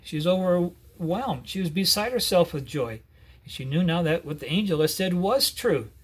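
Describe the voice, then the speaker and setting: A man retelling a Bible story in an earnest, measured way, with short pauses. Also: fairly high pitch, husky.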